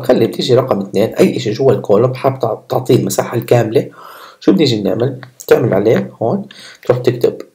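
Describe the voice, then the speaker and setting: A man walks viewers through a coding lesson in a relaxed, chatty way. His voice is gravelly and mellow. Keyboard typing sounds in the background. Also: mid-range voice. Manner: chatty, talks to viewers while typing code. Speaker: programming instructor. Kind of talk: casual screen-recorded coding tutorial.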